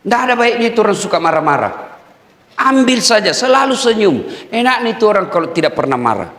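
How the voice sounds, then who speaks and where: A middle-aged man with a Makassar Indonesian accent giving a humorous, scolding sermon in an animated, jokey way. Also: sits high, fast talker. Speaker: preacher. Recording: echoey hall.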